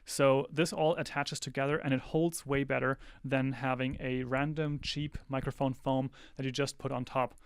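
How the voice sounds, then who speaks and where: Clear-voiced man explaining mics. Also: mid-range voice, normal speed, few pauses, dry recording. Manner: relaxed explanatory, with small restarts. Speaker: tech reviewer. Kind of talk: casual product comparison talk. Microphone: close handheld-style podcast mic.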